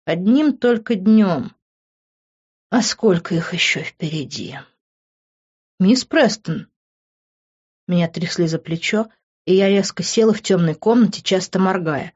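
A woman narrating a novel in the first person with expressive, emotional reading. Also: medium pitch. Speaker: audiobook narrator. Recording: dull lo-fi recording.

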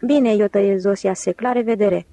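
A woman's voice: medium pitch, warm tone, no echo, lightly acted. A woman voicing a sweet, teasing young woman in an audiobook, lifting her voice for the part. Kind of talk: audiobook character reading.

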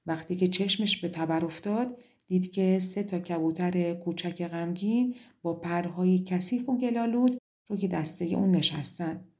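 A woman with a somewhat low voice reads a fairy tale aloud. Her storytelling is measured and expressive, as in a scripted audiobook. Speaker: audiobook narrator.

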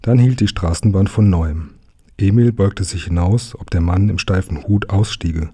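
Deep, husky male storyteller. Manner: calm, measured storytelling. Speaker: audiobook narrator. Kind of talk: scripted narration.

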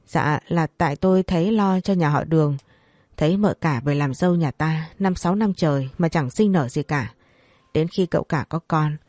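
A woman's voice: lowish voice, mellow, dry recording, clean studio sound, close to an everyday voice. A woman voicing an elderly female servant in a storybook drama, scolding shrilly and then pleading through tears. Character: old female servant nursemaid, scheming then tearful.

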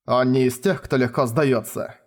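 A man voicing a cold, composed male colonel who speaks calmly and deliberately. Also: medium pitch, lightly acted. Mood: firm. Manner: calm, icy, measured.

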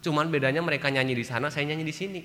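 A man's voice: on the high side, rapid-fire, bright, forceful tone. A man preaching voices a stubborn middle-aged husband who makes excuses not to go to church, whiny and smug. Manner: whiny, exasperated, then smug. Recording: church hall reverb.

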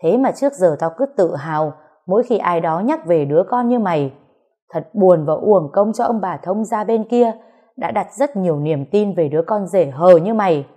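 A woman voicing a stern old father in a read-aloud story, shouting and scolding his son. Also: lowish voice, expressive, normal speed. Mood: furious.

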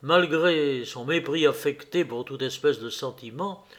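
A man reading a classic novel aloud at a measured, even pace. His voice sits somewhat higher than most men's. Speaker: audiobook reader.

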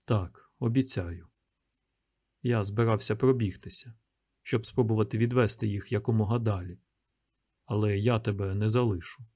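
A man voicing a desperate father hiding with his son, speaking in a hushed, urgent whisper. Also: lowish voice, normal speed, long pauses, slightly rough.

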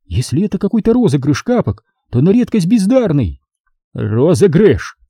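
A man voicing a young woman official who bursts out in shrill indignation, tearful and furious, in an audiobook. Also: big pitch swings, fairly quick, dark tone, slightly rough, dry recording, clean studio sound, full character voice. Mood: tearful, outraged.

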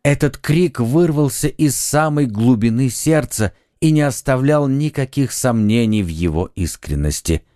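A man reading a children's audiobook as narrator, in a measured storytelling manner. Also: mid-range voice, animated, warm tone, no echo, studio quality.

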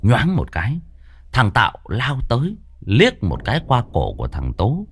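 A man's voice: wildly swooping pitch, normal speed, breathy edge. Theatrical male horror storyteller. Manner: theatrical, swinging pitch widely for effect. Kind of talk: dramatic horror story narration.

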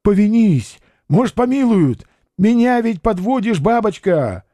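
A man's voice: high-pitched, big pitch swings, measured pace, dark tone, no room sound, studio quality, voice pushed up. A man voicing a fussy, servile male night watchman in an audiobook, speaking in an obsequious, urgent way. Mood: urgent, fawning.

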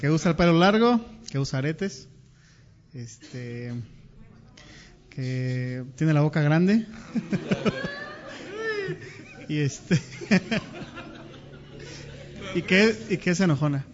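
A man's voice: on the high side, wildly swooping pitch, extremely slow, pauses often, dull audio. Shy man answering from the crowd. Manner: hesitant, laughing shyly. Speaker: congregation member.

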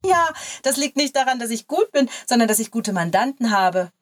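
Woman reading a cynical female lawyer, storybook; lift the voice, push it louder and sharper. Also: moderate pace, natural voice. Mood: exasperated. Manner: exclaiming, higher and louder than the narration.

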